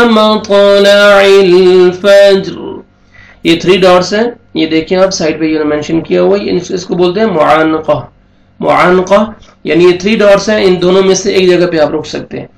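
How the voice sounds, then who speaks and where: A man's voice: high-pitched, gravelly, reverberant. A man teaching Quran recitation rules, explaining each sound patiently step by step. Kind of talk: tajweed lesson.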